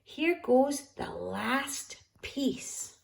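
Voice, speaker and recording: A woman's voice: sits high, lively intonation, very slow, creaky, voice pushed up, heavily acted. A woman voicing a cheerful little male character in a storybook reading, calling out eagerly.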